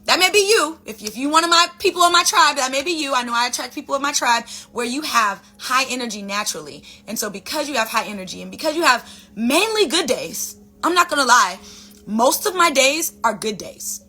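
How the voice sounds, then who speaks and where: Bright-voiced expressive woman vlogger. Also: high-pitched, brisk. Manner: expressive, chatty, repeats phrases for emphasis, calls listeners "baby" and "you guys". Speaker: vlog host, wellness speaker. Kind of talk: casual motivational talk to camera.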